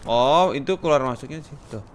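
A young man from Indonesia with a Jakarta slang accent, commenting loudly on a horror game he plays live, often shouting and swearing. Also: medium pitch, fairly quick, a little hiss or hum. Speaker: game streamer.

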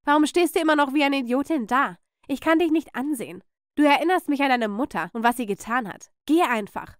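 Woman doing a shrill, bossy, shouting aunt. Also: animated, a little fast, dry recording, studio quality. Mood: scolding. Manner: shouting, scolding. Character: shrill cruel middle-aged aunt, domineering mother.

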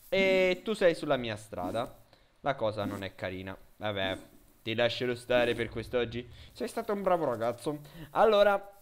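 A man giving excitable let's play commentary, swinging between loud shouts and low grumbling. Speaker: gamer.

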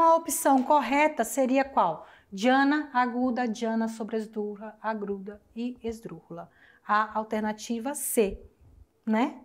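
She's a young Brazilian woman teaching Spanish on a recorded online lesson, with a fairly high pitch and a Brazilian Portuguese accent. Warm and chatty toward her students, she keeps asking rhetorical questions only to answer them, and she sounds words out slowly syllable by syllable.

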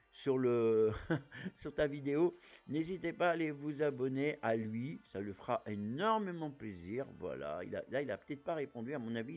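Man, casual vlog chat, rambling, filler-heavy, middle pitch, faint background music. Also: a little mellow, highs cut off. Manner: rambling, chatty, fillers and "voilà". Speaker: YouTuber giving subscriber shout-outs.

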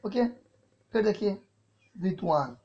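A man teaching English in a classroom lecture, speaking English with an Indian accent, repeating key phrases slowly as if dictating and often checking if it's clear. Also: sits high, lively intonation, darkish tone. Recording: dull lo-fi sound.

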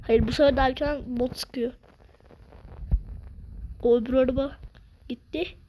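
Brief: high-pitched woman, excitable slangy gameplay commentary, noisy recording with game clicks behind. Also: normal speed. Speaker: gaming video host.

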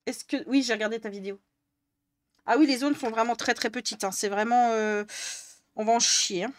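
A woman's voice: fairly high pitch, fairly even intonation, a little fast, slight background noise. A young woman from northern France, live-streaming and chatting with viewers, exasperated and swearing often. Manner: exasperated, swears a lot, talks to chat. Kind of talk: live-stream chat while coloring.

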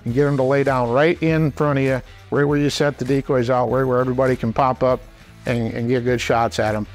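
Man in his forties, medium pitch, informal instructor, plain-spoken, folksy explaining, faint music underneath. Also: little pitch movement, fairly quick. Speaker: instructor and presenter. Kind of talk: informal instructional talk to camera. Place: small indoor wooden workshop.

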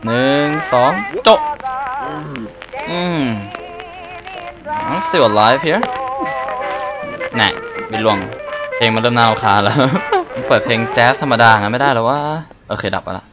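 Excitable young man, lively gaming chatter. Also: medium pitch, takes it slowly, pauses often, poor audio. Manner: excitable, yelps and exclaims, talks to himself. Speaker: gaming YouTuber. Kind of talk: let's play commentary. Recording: music playing behind the voice. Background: game music.

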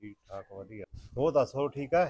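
A man playing an uncle who tries to reason with a drunk relative and calm a family quarrel. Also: medium pitch, fairly quick, dull audio, close to an everyday voice. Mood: friendly. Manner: reasoning, placating. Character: meddling uncle trying to keep the peace. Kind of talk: village short-film acting.

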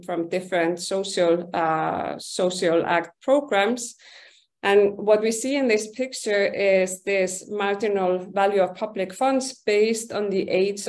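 A woman's voice: medium pitch, a little mellow. Middle-aged woman giving a research talk on a video call, lots of ums and restarts. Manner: measured, explanatory, frequent ums and repeated words. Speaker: university researcher presenting. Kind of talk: online conference presentation. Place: home or office room on video call. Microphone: video call webcam.

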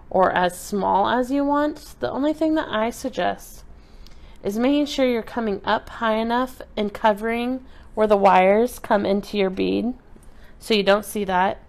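A woman giving a relaxed, chatty step-by-step craft tutorial while she works with her hands at a table indoors. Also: mid-range voice, vocal fry. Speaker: craft instructor.

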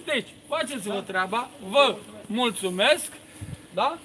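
A man with a very high-pitched voice shouts agitated accusations. He is protesting outdoors on a street. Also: expressive, a little hiss or hum.

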